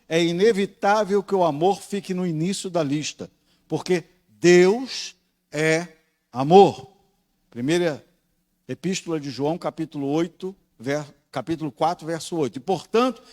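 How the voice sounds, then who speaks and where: A Brazilian pastor leads a Bible study class in a somewhat high-pitched male voice. He explains patiently, stretching out the words he wants remembered, and keeps checking in with his students. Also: darkish tone. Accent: Brazilian Portuguese. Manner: slows down and stresses key words. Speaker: pastor teaching a Bible course.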